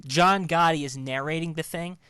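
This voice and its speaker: A man talks through a film with friends, loose and profane, in a voice pitched a little high. The sound is dry and close, with no room around it. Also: moderate pace, smooth, dry recording. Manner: profane, animated riffing. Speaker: podcast co-host. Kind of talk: casual movie-review chat.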